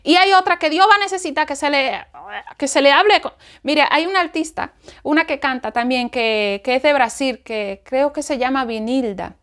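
A woman giving an informal Bible study talk, animated and repeating phrases for emphasis. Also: high-pitched, moderate pace.

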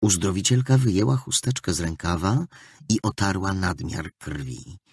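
A man narrating an audiobook with expressive storytelling. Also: low voice, moderate pace, slightly rough. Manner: expressive storytelling with a wide melody. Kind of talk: scripted narration.

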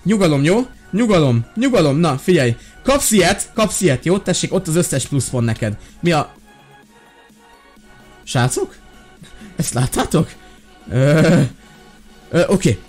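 A young man role-playing a fed-up teacher in a game, yelling, pleading and exclaiming in exasperation. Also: a little high, animated, long pauses, faint music behind. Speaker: gaming YouTuber playing a teacher. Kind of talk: Minecraft role-play commentary.

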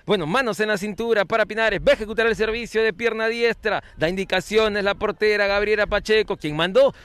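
High-pitched, emphatic Peruvian male football commentator. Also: fairly bright tone, smooth, no echo. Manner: emphatic, dramatic delivery with repeated names and drawn-out goal calls. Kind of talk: live match commentary.

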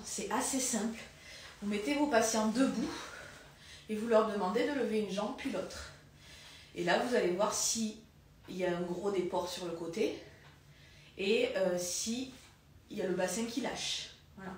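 A woman physiotherapist with a medium-pitched, slightly mellow voice gives a live lesson on pelvic floor health in a roomy space with a little hiss or hum. She talks conversationally, loses her thread and returns to it, and moves about while demonstrating.

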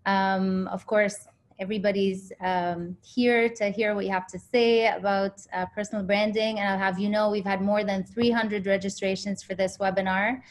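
A young woman with a mid-pitched voice hosts a webinar over a video call. She sounds upbeat and leans on frequent ums and uhs. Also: fairly even intonation, moderate pace. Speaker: webinar host. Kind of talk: host introduction.

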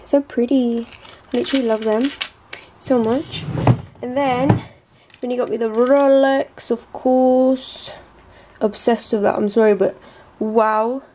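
A woman's voice: on the high side, fairly even intonation, slow pace, pauses often, background noise. A young woman talking in a gushing casual vlog, groggy from just waking up. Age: young adult. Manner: gushing, says "literally" and "wow" a lot. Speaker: vlogger.

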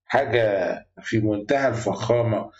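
A man's voice: lowish voice, normal speed, a little mellow. A middle-aged man with an Egyptian Arabic accent, a channel host who reads a book aloud and breaks off to explain it in loose, chatty asides. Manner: reads translated passages, then explains them in loose colloquial asides. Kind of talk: reading a book aloud with commentary. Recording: roomy, dull lo-fi sound.

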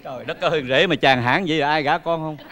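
A man performing a comedy sketch on stage, with exaggerated, excitable banter. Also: a little high, quick pace, big-room sound, a little hiss or hum. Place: theater stage.

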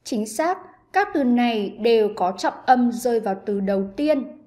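A woman teacher giving an online English lesson to pupils, explaining grammar with clear, patient pacing. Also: on the high side, expressive, normal speed, warm tone.

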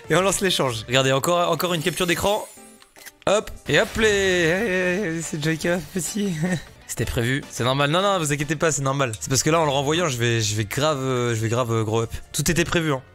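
A man playing a video game on camera and riffing for his viewers, excitable and full of street slang. His voice sits a little high for a man, with faint game music playing underneath. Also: normal speed. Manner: excitable and joking, slangy, laughs often, talks to viewers. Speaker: gaming YouTuber. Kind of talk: casual let's-play commentary.

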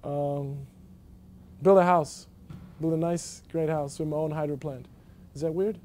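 A young college athlete from Germany answers questions in a relaxed, halting way, full of ums and restarts. His voice is mellow and a little high for a man. He sits in an empty indoor arena. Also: a little hiss or hum. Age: young adult. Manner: hesitant, many fillers and restarts. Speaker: college basketball player. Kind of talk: casual interview answers.

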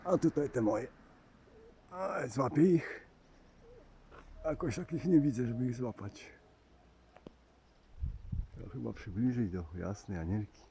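A man's voice: medium pitch, measured pace, long pauses, warm tone, slight background noise. A man keeping pigeons, chatting casually to his viewers outdoors while filming on a phone. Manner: chatty, addresses viewers as dear ones. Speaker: pigeon keeper vlogger. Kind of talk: casual running commentary to viewers. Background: birds and outdoor ambience.

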